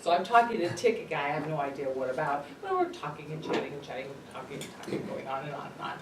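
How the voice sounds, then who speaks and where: A woman with a Californian accent giving a humorous personal speech at a club meeting, an animated storyteller who laughs often and acts out what people said. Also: sits low, fast. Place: meeting room. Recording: echoey room from far off, noisy.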